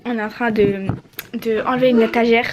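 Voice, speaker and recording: A woman's voice: on the high side, steady tone, brisk, noisy background. A woman chatting casually and playfully during a home vlog. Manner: playful, loud outbursts. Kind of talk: casual chat.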